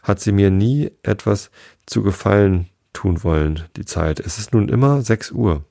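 A man's voice: fairly low pitch, measured pace, creaky, warm tone, no echo, studio quality. A man voicing a sad, fussy Hatter at a tea party, speaking with sighs. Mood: sorrowful. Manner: sighing, sorrowful.

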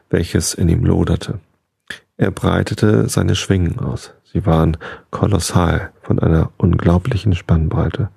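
A man reading a fantasy story aloud in a calm, measured storytelling manner. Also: low voice, vocal fry, breathy edge, dry recording, studio quality. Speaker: narrator.

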